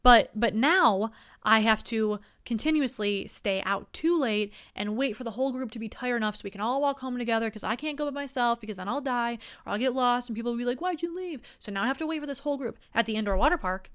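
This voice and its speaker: A woman's voice: fairly high pitch, fast talker, a bit bright, clean tone. A young woman hosting her show with a rambling, self-mocking comic monologue. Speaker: comedian host.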